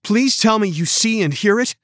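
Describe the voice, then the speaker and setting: A man doing a bold, high teenage girl. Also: sing-song, measured pace, no echo, clean studio sound, full character voice. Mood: worried. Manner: high-pitched, blunt and eager. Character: bold, loyal teenage girl, a close friend. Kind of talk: storybook character voice.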